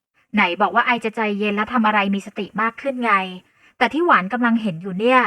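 A stern teenage schoolgirl scolds her friend in a firm, pointed tone, as a woman reads her out. The voice sits a touch high and bright. It is recorded dry and close. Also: normal speed, no room sound. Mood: scolding.

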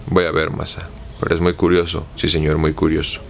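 A fearful, simple servant, read by a man with a Mexican accent in a deep voice that barely rises or falls. The lines come slow and plain. Faint noise sits behind him. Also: monotone, vocal fry. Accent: Mexican Spanish. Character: simple fearful male servant climbing a tree.

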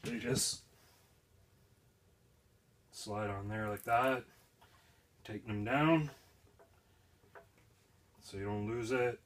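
A young DIY video host with a fairly low voice walks through a repair step by step, speaking in a plain, unhurried, practical way with lots of fillers. It's a casual how-to demonstration he films himself while crouched over his work in an indoor garage or shed.

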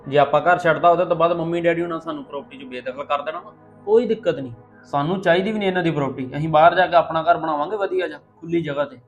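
In a lightly acted family skit, a man plays a young husband torn between his wife and his mother, sounding earnest and pleading as both husband and son. His voice is a little high and very fast. The audio is dull, with faint music behind.

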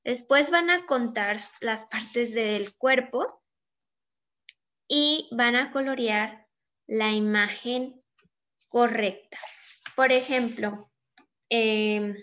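A woman teaching children English in a recorded lesson, explaining patiently and reading English phrases very slowly. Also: fairly high pitch, fairly bright tone, dull audio. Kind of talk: recorded online class.

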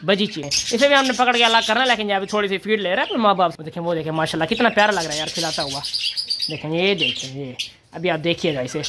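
A man's voice: high-pitched, heavy background noise. A young man chatting casually as he feeds his birds and rabbits, coaxing the animals between remarks. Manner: chatty, calls and coaxes animals while feeding. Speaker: vlogger and bird keeper. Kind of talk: casual farm vlog narration.

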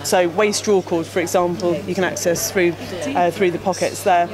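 A woman in her thirties, a company representative at a trade show stand, explains products into a handheld mic held by an interviewer, using lots of fillers and restarts. Her voice is on the low side, with fairly even intonation at normal speed, over music and crowd chatter.

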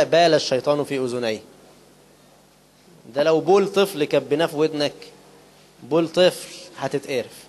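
Speaking quick colloquial Egyptian Arabic in a slightly high voice, a man delivers a sermon. He poses questions to his listeners and answers them himself, slowing down whenever he recites quoted scripture.

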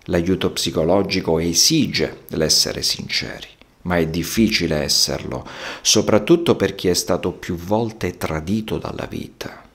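A psychotherapist giving a slow, contemplative monologue in measured, poetic phrasing. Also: male voice, low voice, a bit bright.

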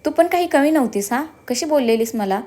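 A woman's voice: high-pitched, expressive, fairly quick, dark tone, pitched above the performer's own voice. A woman voicing a playful, teasing young husband in a told story, joking with his wife.

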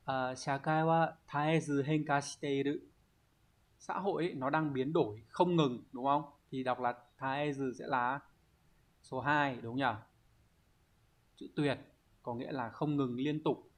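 A man's voice: medium pitch, steady tone, measured pace. Patient man teaching Japanese vocabulary. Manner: patient, explanatory, frequent check-in questions. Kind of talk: explaining exam answers.

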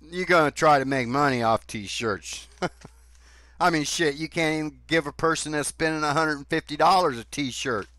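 A man's voice: fairly high pitch, moderate pace, bright, forceful tone, no echo. A man hosting a commentary video, mocking played clips with sarcasm and swearing. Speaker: commentary host.

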